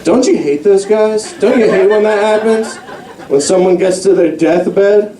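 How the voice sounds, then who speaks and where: A young man doing a stand-up comedy set in a comedy club, animated and slipping into mock voices for the people in his jokes. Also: high voice, a little slow. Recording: roomy club sound from a distance.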